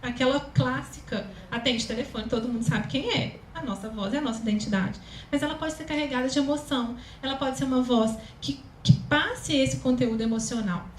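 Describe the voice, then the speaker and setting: High-voiced woman speaking in an echoey hall. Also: fairly quick. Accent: Brazilian Portuguese. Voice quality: very high, thin voice. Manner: chatty, many fillers, laughs often. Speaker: communication consultant, speaker. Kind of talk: public talk to an audience. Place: event hall, live audience. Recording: echoey room, faint ambient noise.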